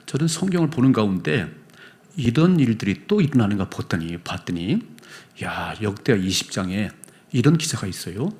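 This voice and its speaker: A man's voice: on the low side, very animated, moderate pace, a little mellow. A man preaching a Sunday sermon as pastor in a church sanctuary. He speaks emphatically, leads the congregation in reading scripture aloud, and briefly acts out the voices of people in the story.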